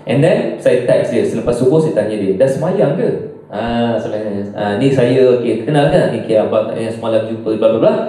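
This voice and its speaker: A man's voice: medium pitch, expressive, normal speed, mellow. A young man with a Malaysian accent, an imam, telling a personal story to a class and acting out the voices of the people in it. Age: young adult. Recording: very echoey room, heard from a distance.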